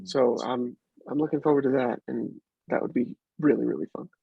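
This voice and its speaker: A man's voice: medium pitch, fairly quick, creaky, husky, no echo, lo-fi sound. A man being interviewed, animatedly retelling a training story and acting out what was said. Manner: animated retelling, acts out quotes. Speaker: guest. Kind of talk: casual storytelling.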